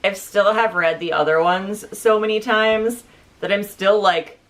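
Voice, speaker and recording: A woman's voice: medium pitch, steady tone, measured pace, poor audio. A woman co-hosting a book discussion, talking in a rambling, informal way full of filler words. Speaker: co-host of a book review show. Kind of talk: casual book discussion chat.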